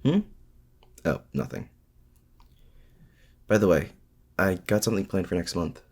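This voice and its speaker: For an intimate audio roleplay, a man plays a lonely, awkward supervillain and mad scientist. His deep, husky voice is animated and heavily acted, and he comes across as awkwardly chatty, halting and softly sincere.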